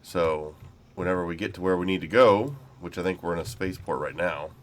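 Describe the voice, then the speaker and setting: Slightly under the weather, this gaming channel host has a very deep voice with a faint nasal quality. He moves briskly, rambling in a relaxed way through what he's doing in the game.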